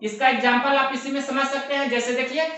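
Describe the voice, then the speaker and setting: Echoey, bright-voiced male math teacher. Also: extremely high pitch, flat delivery, fairly quick. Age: young adult. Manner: repetitive, step-by-step explaining with rhetorical questions. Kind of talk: exam-prep math lesson. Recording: very echoey room.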